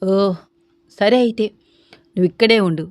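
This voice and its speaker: A woman voicing a heartbroken young male doctor who drinks and smokes, gruff and dismissive. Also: mid-range voice, normal speed, a little mellow, no echo, clean studio sound, close to an everyday voice. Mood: bitter, angry.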